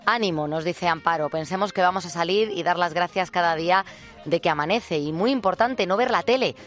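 A woman's voice: fairly low pitch, brisk, faint music behind. A woman co-hosting radio, reading listener messages in a conversational way. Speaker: radio co-host.

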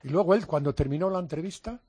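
Husky older man telling stories on radio. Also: a little high, quick pace, dry recording. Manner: animated storyteller. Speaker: radio interviewer. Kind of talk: casual radio chat.

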